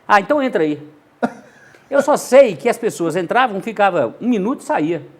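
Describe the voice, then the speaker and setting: A man's voice: high-pitched, normal speed. An older man from Minas Gerais, with its regional accent, telling stories from his radio career in a casual interview and acting out the dialogue. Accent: Minas Gerais Brazilian Portuguese. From Montes Claros, Minas Gerais, Brazil. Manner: animated, acts out dialogue in voices. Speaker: journalist and radio narrator, guest.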